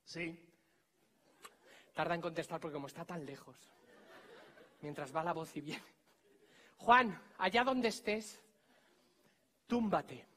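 A man with a Spanish accent performing a live comedy magic act, teasing volunteers and giving them quick orders on stage. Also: on the high side, fairly even intonation, breathy edge.

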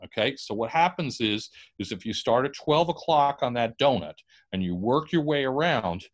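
Guy lecturing on an inventor, super lively pitch, chatty storyteller. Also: normal speed. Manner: animated, informal, acts out quotes.

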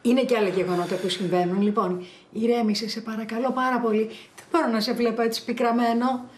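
A woman's voice: on the high side, fairly even intonation, a little hiss or hum, lightly acted. Woman playing a fussing, doting mother. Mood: soothing. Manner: soothing, fussing. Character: doting mother comforting her son. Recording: roomy echo.

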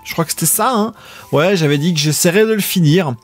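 A man hosts a live stream in an easygoing, rambling way, talking straight to his viewers. His voice sits a little high for a man. Faint music plays quietly behind him. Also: brisk. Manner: laid-back, rambling, chatting with viewers. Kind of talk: casual live-stream chat.

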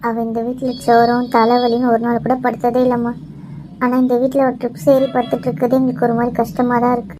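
Scolding fast-talking woman. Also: a little high, completely flat delivery, noisy background. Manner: scolding and fretful. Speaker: mother and in-law in a family web series. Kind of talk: scripted family drama.

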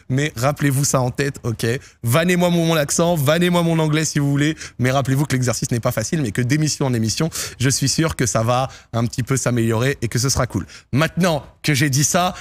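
Upbeat French-speaking male host. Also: mid-range voice. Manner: animated, upbeat, switches between French and accented English. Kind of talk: lively live-stream talk show hosting.

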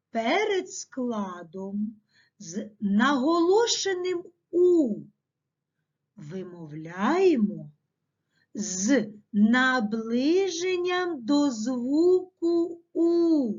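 A woman teacher giving a language lesson to children, dictating words slowly and pronouncing them carefully. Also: high-pitched, darkish tone, lo-fi sound. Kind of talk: classroom lesson.

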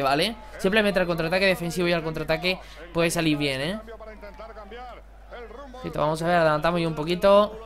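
A young man, excitably commentating his own football video game match for viewers. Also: high-pitched. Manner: excitable, exclaiming, chatty. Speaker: gaming youtuber. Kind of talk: live gameplay commentary.

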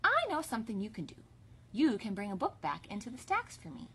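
A woman voicing a stern, rule-minded female head librarian with a brisk, firm, commanding manner in a storybook. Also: fairly high pitch, wildly swooping pitch, fairly bright tone, a little hiss or hum, exaggerated voice. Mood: measured approval.

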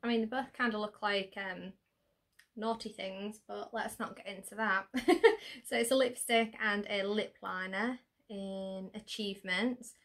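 A beauty vlogger with a slightly hoarse, medium-pitched voice unboxes makeup for her channel. She chats casually at a measured pace, giggling with excitement.

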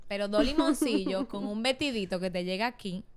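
A woman's voice: mid-range voice, lively intonation, brisk. A woman with a Dominican accent co-hosting a casual podcast chat, emphatic and explaining herself with repeated checks that she is understood. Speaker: podcast co-host. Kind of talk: casual chat among friends.

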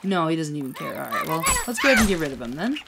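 A woman hosting a let's play, chatting casually and thinking out loud as she plays. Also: low voice, sing-song, rapid-fire, gravelly, heavy background noise. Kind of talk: casual gameplay commentary. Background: loud game music.

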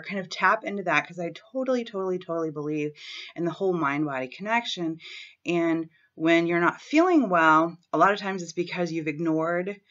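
A tapping coach in her thirties, hoarse with a head cold, clears her throat and speaks frankly while guiding a tapping session for a self-help vlog on her laptop webcam. Her fairly low voice is pushed and bright, recorded in a small room at home with dull lo-fi webcam sound.

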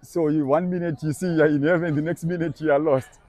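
Talking fast in a fairly high voice with a steady, darkish tone, a young street preacher works a busy shopping street. He earnestly presses his case to a passer-by and repeats scripture back line by line.

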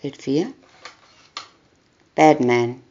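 A woman reads from a script for a children's picture booklet, announcing short captions one at a time. Her voice is bass and warm, very slow, and the sound is lo-fi.

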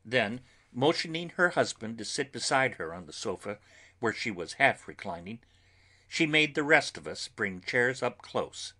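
A man narrating an audiobook in a measured, dramatic reading style. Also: medium pitch, sing-song, sharp tone.

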